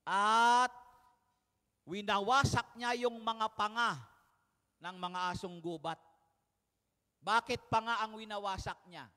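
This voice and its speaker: Male preacher, bright tense voice, animated storyteller, recorded with a long hall echo. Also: high voice, takes it slowly, pauses often, clean tone. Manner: lively storytelling, questions to the congregation. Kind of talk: sermon. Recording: reverberant hall.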